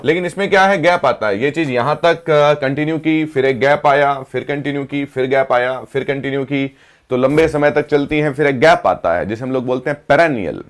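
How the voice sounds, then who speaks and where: A man at medium pitch teaches English vocabulary, explaining each word in Hindi. He reads the English definitions slowly and asks the class to repeat after him.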